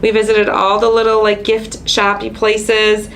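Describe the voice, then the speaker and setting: A craft channel host chats on her live stream at a measured pace and medium pitch, sounding stuffy and nasal from allergies. She tells stories packed with fillers and excited asides, and the low-quality recording carries slight background noise.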